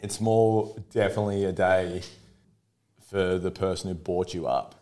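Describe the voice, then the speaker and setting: A man in his thirties with an Australian accent, talking candidly as a podcast guest. His voice sits on the lower side, and he tells personal stories in an open, easygoing way, often breaking into a laugh. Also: fairly even intonation, moderate pace, warm tone. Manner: open, storytelling, laughs easily. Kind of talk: casual conversation.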